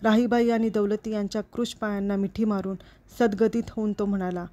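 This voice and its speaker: A woman storyteller reading a novel aloud in a steady, expressive literary narration. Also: medium pitch, brisk. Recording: dull lo-fi recording.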